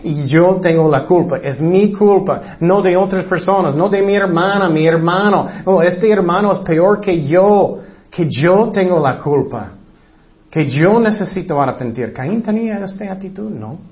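High-voiced man preaching emphatically. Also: animated, normal speed. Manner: emphatic, repetitive preaching with acted asides. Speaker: pastor. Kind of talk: sermon. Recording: dull lo-fi recording.

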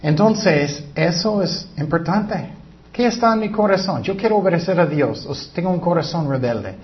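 A man's voice: high voice, lively intonation, normal speed, lo-fi sound. A man preaching a sermon in an earnest, emphatic way. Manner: earnest, emphatic, breaks into acted quotes.

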